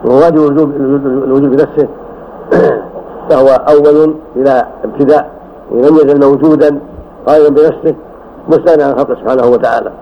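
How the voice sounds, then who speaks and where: An older man teaching as a sheikh, explaining a creed text slowly and correcting his student's reading with frequent "yes". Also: mid-range voice. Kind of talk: classroom commentary on a text. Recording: dull old recording with faint hiss.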